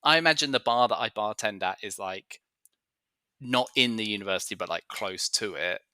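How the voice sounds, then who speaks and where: A man's voice: fairly low pitch, moderate pace, bright, forceful tone, smooth, dry recording. A man, a player in a tabletop game, talking in a hesitant casual way with many fillers. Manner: hesitant, lots of fillers, laughing asides.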